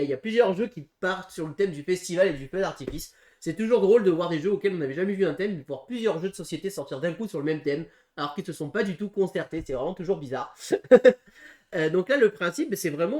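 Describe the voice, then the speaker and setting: A man co-hosting a casual board game preview, talking through game rules with frequent pauses and restarts. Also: sits high, expressive, darkish tone. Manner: hesitant, full of pauses and restarts while explaining rules. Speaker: board game channel co-host.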